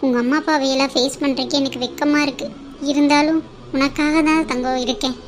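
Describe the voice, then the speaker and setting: A grieving cartoon mother-in-law who keeps apologizing, voiced by a woman. Her voice sits high, and her tone is soft and pleading. A faint hum of ambient noise runs under her. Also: fairly even intonation, a little fast, natural voice. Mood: sorrowful. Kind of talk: cartoon voice acting.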